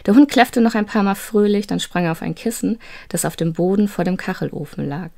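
A woman narrating a children's advent story in a calm, measured reading voice. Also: medium pitch, vocal fry.

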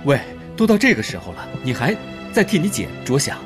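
A caring, level-headed young man in a TV drama. He speaks quickly and persuasively, with a lively rise and fall in his voice. Drama score music plays clearly behind him. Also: mid-range voice. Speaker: male lead. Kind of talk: TV drama acting.

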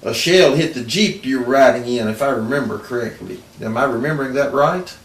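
A man's voice: mid-range voice, fairly quick. Distant, echoey male interviewer. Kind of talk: informal interview questioning. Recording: echoey room, distant mic, faint noise.

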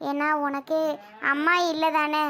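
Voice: sits high, monotone, a little slow. A performer playing a kind, motherly aunt in an amateur family drama skit, consoling and tender. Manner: warm, consoling. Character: kind motherly older woman, the groom's aunt.

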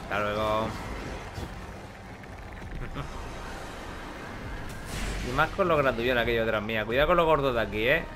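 A man gives lively, chatty commentary over his gameplay, swearing now and then in a casual way. His voice sits at an ordinary middle pitch. Loud game noise runs behind him. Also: measured pace, long pauses. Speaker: gaming video host.

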